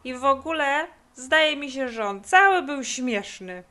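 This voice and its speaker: A woman voicing a lazy, dreamy boy who talks slowly and sleepily. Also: high voice, animated, sharp tone, pitched above the performer's own voice, heavily acted. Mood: sleepy drawl.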